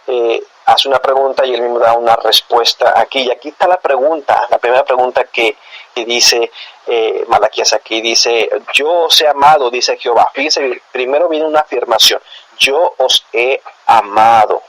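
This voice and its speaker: A man preaching a sermon as pastor, explaining scripture to his congregation in a lively, animated way. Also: medium pitch, normal speed, rough recording. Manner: animated preaching, addresses listeners as brothers. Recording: radio broadcast.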